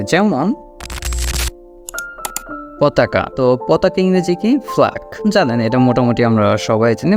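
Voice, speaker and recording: A man gives a spoken English lesson in a fairly high voice. He explains patiently and says key words slowly, more than once. Music plays clearly behind him. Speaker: English teacher. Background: background music.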